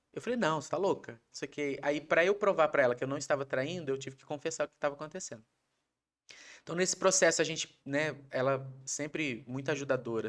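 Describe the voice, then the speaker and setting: A Brazilian man, a podcast guest, telling a personal story in a casual, animated way, acting out his wife's lines. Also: medium pitch. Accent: Brazilian Portuguese. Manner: animated, acts out quoted voices of his wife.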